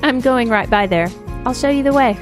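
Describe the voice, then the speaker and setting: A woman's voice: high voice, moderate pace, music in the background, voice pushed up, lightly acted. A woman reading the lines of a friendly, helpful American man abroad, in her own voice. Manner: friendly, obliging.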